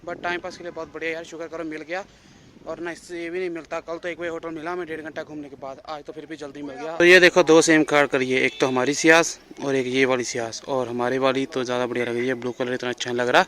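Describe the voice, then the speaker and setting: A man's voice: a little high, quick pace. Chatty young man vlogging outdoors. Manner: chatty, excited, laughs often. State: sore throat. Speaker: travel vlogger. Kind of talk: casual travel vlog narration. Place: outdoors on a hill station trip.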